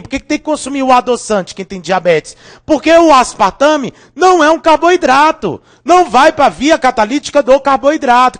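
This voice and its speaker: A Brazilian chemistry teacher with a high, bright-edged voice leads a live online review class. He cracks corny jokes, teases himself, and keeps asking whether the students are following. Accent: Brazilian Portuguese. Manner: joking, lively, keeps checking in with students.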